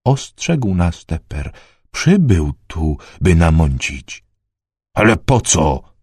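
Brief: tired old peasant man, read by a male narrator, low and husky, soft and hesitant. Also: very animated, slow, dry recording, studio quality, exaggerated voice. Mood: worried. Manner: quiet, hesitant, half-whispered. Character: weary old male peasant, frail and anxious.

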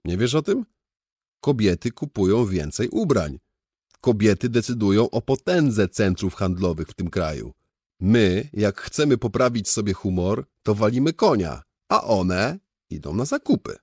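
A man reading an audiobook, voicing a crude, excitable young male friend who boasts loudly and vulgarly. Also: fairly low pitch, unhurried, slightly rough, dry recording, studio quality, pitched above the performer's own voice, full character voice. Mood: boastful.

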